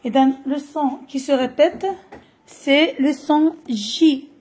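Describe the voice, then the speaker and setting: Slow high-voiced Moroccan woman teacher. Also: a little mellow. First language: Moroccan Arabic. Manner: slow, repeats each word carefully. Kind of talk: French phonics lesson for children.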